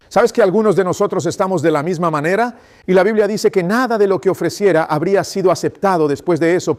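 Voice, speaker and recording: A male preacher delivers a sermon in a voice pitched a little high. He talks with insistent emphasis. He keeps putting rhetorical questions to his congregation. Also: a little mellow.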